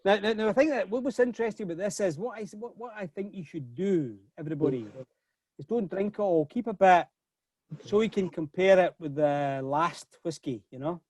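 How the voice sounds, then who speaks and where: A man's voice: sits high, brisk, a little mellow, no echo. A middle-aged man hosting a whisky tasting over a video call, chatty and often repeating words as he starts a sentence. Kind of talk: casual online tasting talk.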